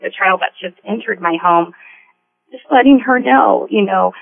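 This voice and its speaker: A woman's voice: medium pitch, moderate pace, creaky. A middle-aged woman giving a casual personal account as an interview guest over the telephone. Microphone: phone call. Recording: noisy, thin telephone line.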